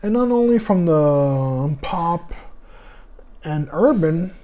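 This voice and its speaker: Mellow-voiced man with a lisp. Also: a little high, lively intonation, takes it slowly. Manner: rambling, stumbles over foreign names, says "y'all" to listeners. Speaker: podcast host. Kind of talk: casual solo music podcast chat.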